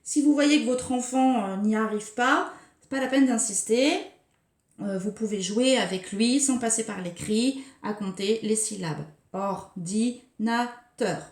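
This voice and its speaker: Slow, carefully articulating woman teacher. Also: fairly high pitch, darkish tone. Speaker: preschool teacher. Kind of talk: recorded home-learning lesson for young children. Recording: roomy echo.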